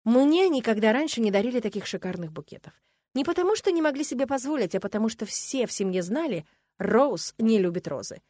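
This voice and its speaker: A woman narrating a first-person novel in a lively, wry storytelling manner. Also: on the high side, brisk, no room sound, studio quality. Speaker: audiobook narrator.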